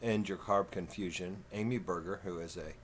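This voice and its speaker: A man in his fifties with a Texan southern twang, talking slow and folksy in a rambling, casual vlog. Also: low voice, fairly even intonation, a little hiss or hum. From Texas. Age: 50s. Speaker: vlogger.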